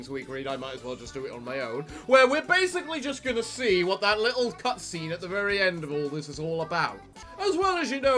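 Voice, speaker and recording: A man's voice: on the high side, bright, forceful tone. A man co-hosting a casual let's play, rambling along with a theatrical streak. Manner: rambling, theatrical sign-offs. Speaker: gaming channel co-host.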